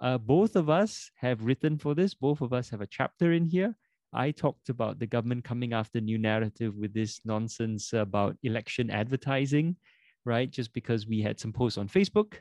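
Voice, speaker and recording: A man's voice: mid-range voice, normal speed, darkish tone, no echo. A man presenting a podcast and interviewing a guest as its host. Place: indoors, in front of a bookcase.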